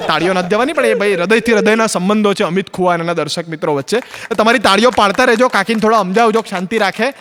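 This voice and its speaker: This stand-up comic speaks fast in a high, fairly bright voice, with hardly any pauses. He tells stories on stage, voicing both sides of the conversations, and the auditorium adds a long hall reverb.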